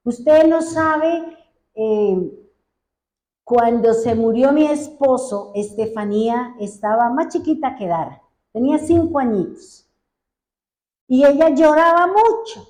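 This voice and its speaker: Middle-aged woman pastor, high mellow voice, earnest sermon in a reverberant room. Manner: earnest preaching with long personal anecdotes.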